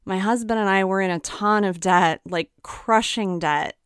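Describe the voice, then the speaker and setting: A woman's voice: mid-range voice, moderate pace, clear, resonant tone, no echo. A woman nutritionist telling a personal story in an earnest, candid way, close to the mic. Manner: earnest, candid, emphatic at times. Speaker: nutritionist sharing her story.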